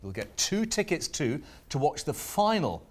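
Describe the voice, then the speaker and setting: A man's voice: on the high side, big pitch swings, normal speed. A man co-hosting a morning show with jokey banter and presenter links.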